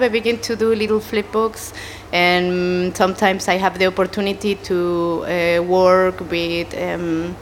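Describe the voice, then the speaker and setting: A woman in her thirties with a Chilean Spanish accent speaks English slowly, often pausing to search for words. Her answers are casual and halting, full of fillers. Faint ambient noise sits under the recording. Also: mid-range voice. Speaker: animator, interview guest.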